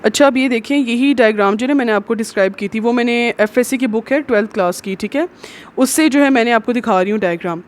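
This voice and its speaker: A woman teaches biology from labelled diagrams, her somewhat high voice moving quickly. She's patient and repetitive, asking questions and answering them herself, often adding "theek hai".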